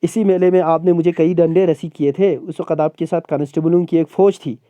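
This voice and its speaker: A man voicing a defiant traveller with an old grudge, in a steady, challenging reading voice. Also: on the high side, dry recording, highs cut off, natural voice.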